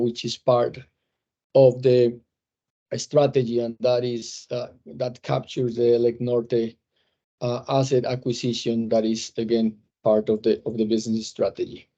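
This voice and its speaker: A company executive presents earnings call results over a dull-sounding line. His mid-range voice is mellow, and his measured delivery is hesitant, full of fillers and restarts.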